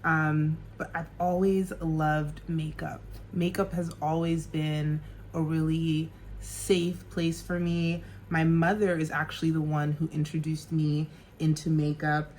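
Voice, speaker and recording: A woman's voice: sits low, little pitch movement, takes it slowly, a little mellow, slight background noise. A woman in her thirties from New Jersey, chatting casually and laughing often while doing her makeup at home. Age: 30s. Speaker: makeup artist and vlogger. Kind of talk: casual get-ready-with-me chat.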